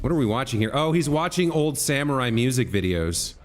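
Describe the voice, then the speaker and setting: Male game streamer, mid-pitched, casual commentary, patient and slightly halting as he explains. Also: sing-song.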